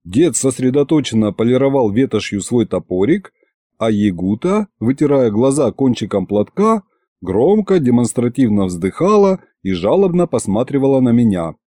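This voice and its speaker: A man reading an audiobook story aloud in a lively, expressive way. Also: mid-range voice, normal speed, no echo, studio quality. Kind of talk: audiobook narration.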